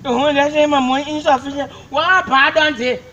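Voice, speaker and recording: Man acting a very high-pitched, agitated Liberian complainer. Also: fairly even intonation, fairly quick, pushed and bright, lo-fi sound. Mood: agitated, indignant. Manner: repetitive, insistent, stammering complaining. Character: agitated, simple-minded man confused by his phone credit. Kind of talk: improvised comedy skit. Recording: faint background noise.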